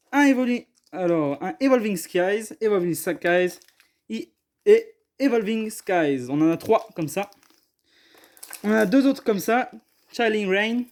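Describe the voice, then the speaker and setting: Sitting high and a little mellow, this man's voice accompanies casual unboxing chat as he opens trading card boxes on camera. He is apologetic, hesitant and self-deprecating, pausing often and apologizing repeatedly.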